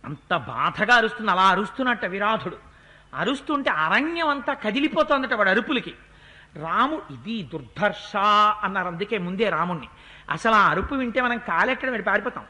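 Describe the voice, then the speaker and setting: A man's voice: high-pitched, very animated, a little fast, sharp tone. A man giving a religious discourse, retelling an epic story vividly with dramatic repetition.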